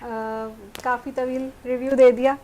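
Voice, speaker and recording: A woman on a TV panel judging young reciters, giving measured, gentle vocal advice. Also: sits high, level tone, a crowd in the background. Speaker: naat competition judge. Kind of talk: studio panel critique.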